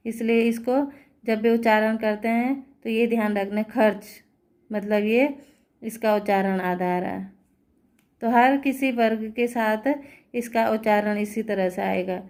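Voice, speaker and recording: Patiently walking through Hindi grammar classroom-style, a woman repeats words slowly and asks rhetorical questions to make sure points land. Her voice sits high with a darkish tone.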